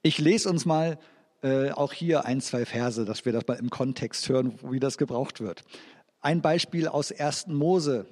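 A male pastor giving a sermon, explaining things step by step, reading scripture slowly, and restarting his phrases as he goes. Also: medium pitch, darkish tone, big-room sound.

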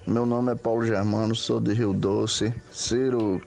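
A man's voice: fairly low pitch, flat delivery, measured pace, gravelly, a little mellow. A man calling in to a radio show and politely asking a direct question. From Brazil. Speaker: caller. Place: phone call.

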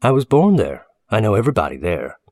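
A man's voice: lowish voice, huge pitch swings, fast talker, darkish tone, dry recording, studio quality, pitched above the performer's own voice. A man voicing a brash, questioning young man with a direct, casual manner in a story. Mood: puzzled.

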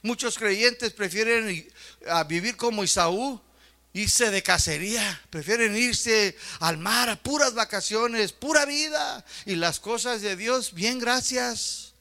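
High, bright-voiced fervent male preacher. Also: slow pace. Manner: fervent, with rhetorical questions and repeated "my brothers". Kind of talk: sermon.

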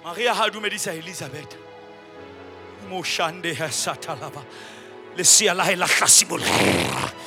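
A man with a South African Sotho accent preaching a charismatic Pentecostal sermon in a repetitive, exhorting way, moving between hushed recitation and shouted declarations. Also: fairly high pitch, animated, moderate pace, creaky, music in the background. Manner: repetitive, call-and-response exhortation.

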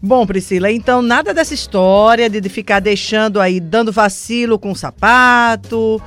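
A woman's voice: a little high, moderate pace, a bit bright, soft background music. Joking woman radio co-host. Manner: informal, joking. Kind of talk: casual radio banter.

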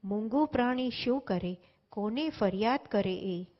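A woman talks through spiritual teachings in an earnest, explanatory way, using everyday examples. Her voice is mid-pitched. The recording is dull and lo-fi. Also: expressive, a little slow. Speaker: spiritual discussion speaker. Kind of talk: religious discourse explanation.

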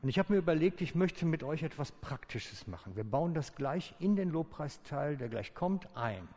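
A man preaching a sermon as pastor, calm and inviting, slowing down with deliberate pauses. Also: a little high. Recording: long church-hall reverb.

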